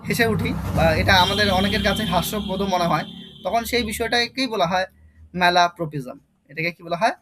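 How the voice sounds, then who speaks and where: A high-pitched man with a Bengali accent teaching an online English lesson. He repeats each key term several times and keeps quizzing his students. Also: fairly bright tone. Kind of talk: online exam-prep lesson.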